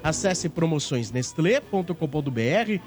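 A man's voice: a little high, expressive, moderate pace, darkish tone, faint music behind. A man with a Brazilian accent presenting on radio and reading sponsor spots as the host.

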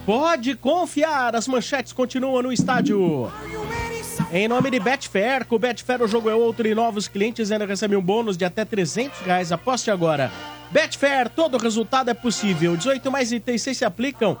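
A man's voice: extremely high pitch, normal speed, soft background music. A Brazilian man hosting a sports radio show, presenting and reading sponsor spots.

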